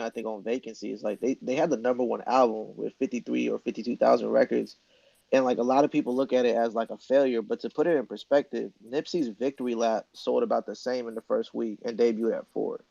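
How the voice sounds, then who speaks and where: A man's voice: mid-range voice, fairly even intonation, fast, gravelly, warm tone, no echo. A man in a casual podcast chat, talking things over in an analytical, laid-back way. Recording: dull, slightly muffled sound.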